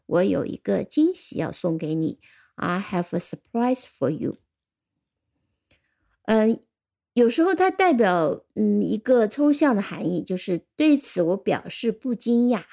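A woman teaching an English vocabulary lesson, explaining patiently and spelling words out slowly. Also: mid-range voice, big pitch swings, creaky, dark tone.

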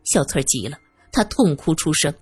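A woman narrating a serialized audiobook in an expressive storytelling manner. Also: deep voice, a little fast, slightly rough, faint music behind.

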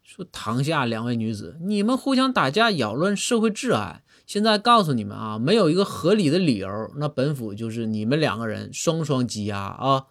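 A man voicing a stern old male judge who is quick to anger and questions people bossily. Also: medium pitch, very animated, fairly bright tone.

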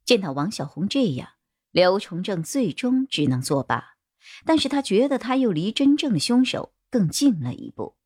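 A woman narrating an audio crime story in an expressive, lively storytelling voice. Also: medium pitch, normal speed.

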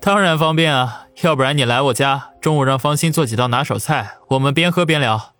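A man's voice: medium pitch, fairly quick, a bit bright, no echo, soft background music, voice pushed up, close to an everyday voice. A man voicing a cocky, playful young man in a story reading, breezy and joking. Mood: friendly. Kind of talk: audiobook character voice.

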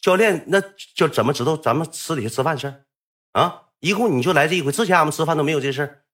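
A man with a Northeastern Mandarin accent telling a rambling story in a casual, animated way, swearing freely. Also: on the high side, fast.

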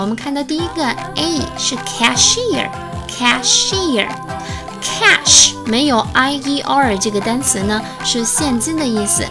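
Brief: woman English tutor, fairly high voice, patient explainer, music bed underneath. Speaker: English teacher. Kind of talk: casual spoken lesson.

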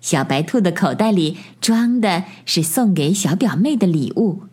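A woman's voice: lowish voice, lively intonation, a little mellow, breathy edge. A woman narrating a bedtime story for children in a lilting storybook voice. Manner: slow, lilting storybook delivery.

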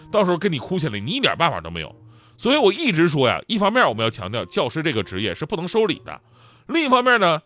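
Guy doing a standup bit, voice jumps all over, acts out the quotes. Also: a little high. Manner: animated storytelling with acted-out quotes and rhetorical questions. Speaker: talk show comedian. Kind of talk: stand-up comedy monologue.

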